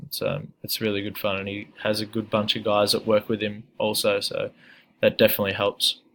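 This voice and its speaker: A man's voice: lowish voice, brisk, gravelly, slight background noise. A young man from Australia with an Australian accent, giving a casual, hesitant self-introduction full of fillers. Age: young adult. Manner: relaxed, hesitant with many fillers. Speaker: student.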